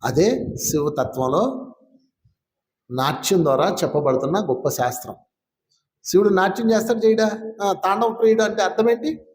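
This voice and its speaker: A man with a high, bright voice leads an informal spiritual talk before a gathering. He turns to people in the audience, questions them and ribs them good-naturedly. The sound is roomy and echoing, like a hall. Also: normal speed, long pauses. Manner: conversational, quizzes and teases listeners. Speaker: spiritual teacher.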